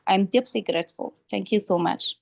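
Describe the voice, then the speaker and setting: A young woman from Afghanistan gives a grateful, somewhat hesitant message over a video call. Her pitch is ordinary, and her voice comes through dry and close. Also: moderate pace, vocal fry, no room sound. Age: young adult. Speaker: program participant. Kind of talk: prepared thank-you message.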